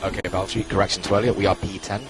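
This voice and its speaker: A man working as a race engineer on team radio, giving calm, clipped spotter-style instructions and repeating key calls. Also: low voice, racing, noisy background. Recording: radio transmission with loud music behind.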